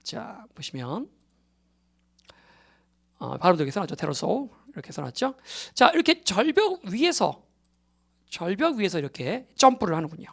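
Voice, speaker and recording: A man's voice: sits high, wildly swooping pitch, normal speed, creaky, long pauses. A man giving a recorded exam-prep English lecture. He explains step by step, keeps checking that students follow, and drops English terms into his Korean.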